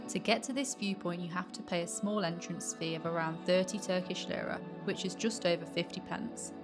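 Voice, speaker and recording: A British woman shares travel tips in a friendly, explanatory way. Her voice sits a little low for a woman. Music plays clearly behind her. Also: fairly even intonation, fairly quick. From Britain. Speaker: travel vlogger. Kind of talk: travel vlog narration and chat.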